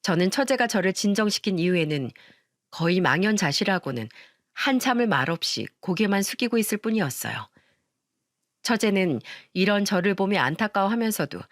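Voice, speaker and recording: Expressive woman story narrator. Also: mid-range voice, no echo, clean studio sound. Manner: expressive, dramatic retelling. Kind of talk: scripted first-person story narration.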